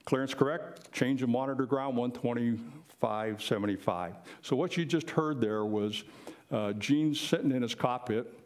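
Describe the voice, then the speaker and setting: An older man, a retired air traffic controller, gives an informal presentation to a live audience. His voice is medium in pitch and a little mellow, and he explains things plainly.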